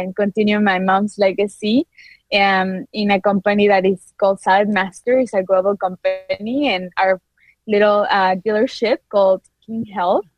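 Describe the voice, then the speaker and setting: An Ecuadorian woman in her twenties, with a Spanish accent, eagerly tells her story as a guest entrepreneur in a casual interview, laughing often and restarting sentences. Her voice is mid-range, and the recording is muffled with no echo.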